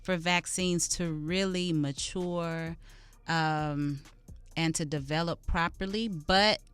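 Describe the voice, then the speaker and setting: A woman guest on a radio show, a health practitioner giving measured, thoughtful answers in casual conversation. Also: low-pitched, steady tone, fairly bright tone, smooth, faint music behind. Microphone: studio mic.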